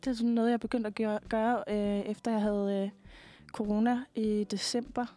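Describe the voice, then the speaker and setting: Young danish-sounding singer girl chatting easy, lots of ums, bit of music under it. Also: medium pitch. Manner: relaxed, hesitant with many fillers. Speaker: guest singer. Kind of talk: casual interview chat.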